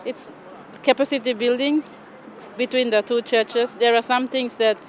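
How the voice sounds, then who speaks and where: A woman's voice: on the high side, steady tone, slight background noise. Earnest woman with a Papua New Guinean accent. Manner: measured, earnest, with pauses and restarts. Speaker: church program coordinator. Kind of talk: interview answers to camera. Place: outdoors by a stone wall in a city.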